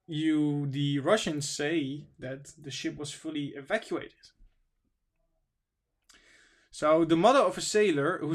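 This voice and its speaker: A man hosting a casual livestream, reading news and chat aloud in a wandering, informal way, sniffly from allergies. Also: fairly high pitch. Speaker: stream host.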